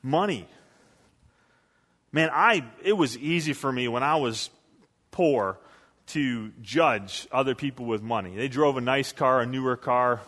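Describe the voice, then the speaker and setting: A man's voice: medium pitch, a little slow, fairly bright tone. A man preaching a sermon as a pastor, talking conversationally and telling stories with quoted asides. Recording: long hall reverb.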